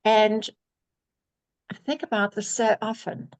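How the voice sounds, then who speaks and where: A woman's voice: medium pitch, steady tone, a little slow, low-quality recording. A woman of seventy, telling a personal story earnestly and emphatically over a video call, often restarting her words. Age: 70s. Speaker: guest sharing a testimonial. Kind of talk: personal testimony on a group call.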